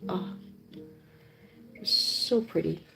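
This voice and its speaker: A woman's voice: lowish voice, drawn-out words, vocal fry, music in the background. A woman in her thirties, the host of a live painting stream, chatting casually and gushing over her colors. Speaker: art streamer. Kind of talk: casual chat while painting.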